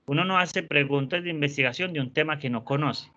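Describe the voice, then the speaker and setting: A male teacher gives an online lesson in a bright, fairly high voice. He is patient and encouraging and keeps softening his words with diminutives. The sound is dull and lo-fi. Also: a little fast. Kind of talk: online class lecture.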